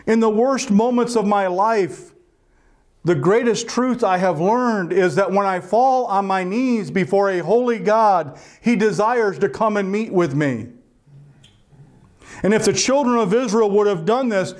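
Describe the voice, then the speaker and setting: A man preaching a sermon as pastor, earnest and asking his listeners rhetorical questions. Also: high voice.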